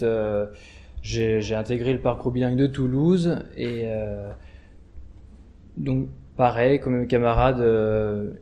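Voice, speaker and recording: A man's voice: mid-range voice, warm tone. A man voicing the words of students in an interview, hesitant, with many fillers and restarts. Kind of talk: first-person introductions in interview.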